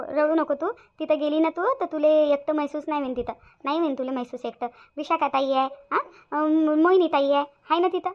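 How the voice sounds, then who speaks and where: Lady doing a very high-pitched chatty village auntie, bossy but comforting, muffled. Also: close to an everyday voice. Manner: chattering, repetitive scolding-consoling. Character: chatty middle-aged village woman, bossy and consoling. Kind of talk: cartoon voice acting.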